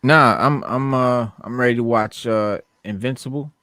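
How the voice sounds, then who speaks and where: A man's voice: mid-range voice, moderate pace, pushed and bright, no room sound, studio quality. A man co-hosting a casual live show, laid back, often repeating himself, talking over a video call. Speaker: podcast co-host. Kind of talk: casual chat.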